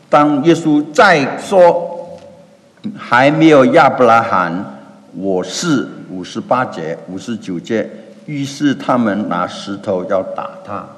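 A man preaching a sermon and explaining scripture, reading verses slowly and dramatically. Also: medium pitch. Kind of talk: sermon with Bible exposition. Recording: long hall reverb.

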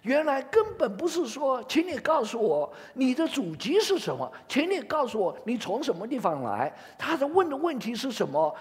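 An older man preaching a sermon, reading scripture and asking his listeners questions in an expressive way. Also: extremely high pitch, normal speed, few pauses. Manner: expressive, asks the audience questions. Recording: long hall reverb.

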